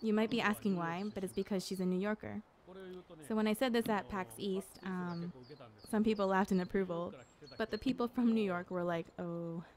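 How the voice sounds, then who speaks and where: A woman narrates a video game walkthrough in a casual, explanatory way, voicing a director's commentary in English. Her pitch sits in the middle of the usual female range. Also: fairly even intonation, brisk, a little mellow.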